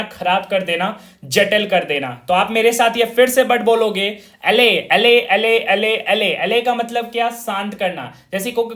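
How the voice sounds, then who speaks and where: A man with a notably high voice teaches a vocabulary class. He drills each word over and over in call-and-response, speaking to his students as children. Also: fairly bright tone. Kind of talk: informal online classroom lesson.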